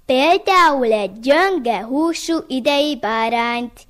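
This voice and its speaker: A woman's voice: sits high, expressive, fairly bright tone. A woman voicing a sly, boastful male bear from a folk tale, smug and scheming.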